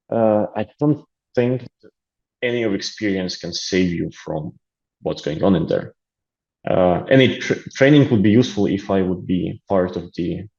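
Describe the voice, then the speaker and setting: In dull audio, a deep, creaky, mellow-voiced man chats as an interview guest about his aid volunteering. He has a Latvian accent with Russian as his first language, and his casual talk is hesitant, full of fillers and restarts.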